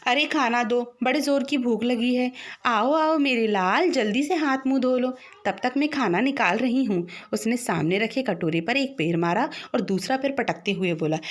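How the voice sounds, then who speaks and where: Woman teacher reading a story aloud. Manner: acts out the characters' lines with raised pitch.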